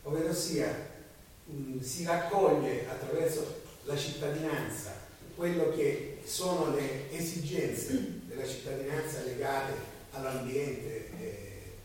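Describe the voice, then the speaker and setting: A man hoarse with a cold, speaking haltingly as a committee spokesman explaining things at a public meeting. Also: medium pitch, a little mellow. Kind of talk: semi-improvised public meeting speech. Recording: very echoey room, distant mic, faint hiss.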